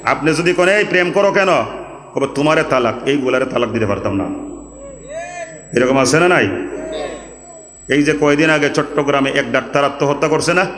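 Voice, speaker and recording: A man's voice: a little high, fairly bright tone, reverberant, big-room sound. Ringing, sing-song male preacher. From Bangladesh. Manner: chants Arabic quotes in a sing-song. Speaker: Islamic preacher. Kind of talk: sermon at an open religious gathering.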